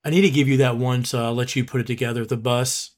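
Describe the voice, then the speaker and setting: A man's voice: mid-range voice, steady tone, quick pace. A man co-hosting a podcast, chatting casually in a rambling, easygoing way. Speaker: podcast co-host. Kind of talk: casual chat.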